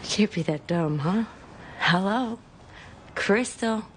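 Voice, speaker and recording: A woman's voice: medium pitch, expressive, takes it slowly. Casting: a drunk, bitter ex-addict woman, slurring and taunting, faint room noise. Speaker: character in a TV drama. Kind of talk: TV drama acting.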